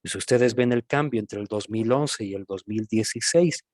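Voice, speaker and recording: A man from Ecuador with an Ecuadorian accent, a physician giving a measured, explanatory recorded medical lecture that addresses listeners directly. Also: on the low side, darkish tone, no echo, studio quality. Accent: Ecuadorian Spanish.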